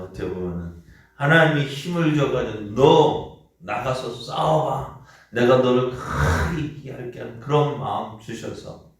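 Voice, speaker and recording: Korean-style church guy preaching at dawn, lots of questions to the room, really echoey and far off. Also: mid-range voice. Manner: conversational, asks the congregation questions; acts out quoted parents with shouted lines. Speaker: pastor. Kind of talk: early morning sermon. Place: church sanctuary. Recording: very echoey room, mic at a distance.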